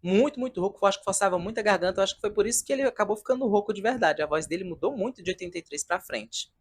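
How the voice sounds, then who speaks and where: Lively, chatty man in his thirties. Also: high voice, very fast, breathy edge. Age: 30s. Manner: chatty, animated, sentimental. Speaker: video reviewer of a comedy show. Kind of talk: casual review vlog. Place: home room in front of a decorated wall.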